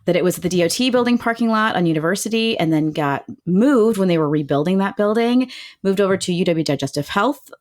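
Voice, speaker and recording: A woman, co-hosting a podcast in relaxed, chatty conversation, talking with enthusiasm and plenty of "like"s. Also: mid-range voice, a little fast. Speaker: podcast co-host. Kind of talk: casual chat.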